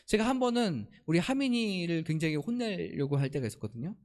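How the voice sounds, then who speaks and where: A man's voice: high voice, big pitch swings, fairly quick, darkish tone. A male pastor preaching a sermon, telling a family story and putting questions to the congregation. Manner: acts out quoted family lines.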